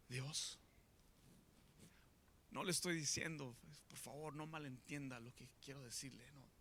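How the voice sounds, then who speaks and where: A man preaching a sermon in an animated way, swinging between loud and soft. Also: on the high side, creaky, slightly rough. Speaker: pastor.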